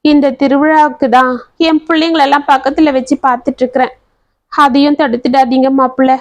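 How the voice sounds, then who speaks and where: An ailing old grandmother from a family storybook pleads in a breathless, fond voice, as a woman storyteller puts her on. The voice sits high and the sound is dry and close. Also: flat delivery, fairly quick, dry recording, lightly acted. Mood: pleading.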